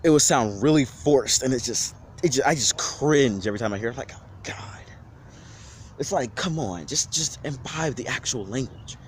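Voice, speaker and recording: A man's voice: medium pitch, lively intonation, moderate pace, few pauses, slight background noise. A man on a casual vlog giving an off-the-cuff rant, slangy and profane, rambling with many restarts. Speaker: vlogger.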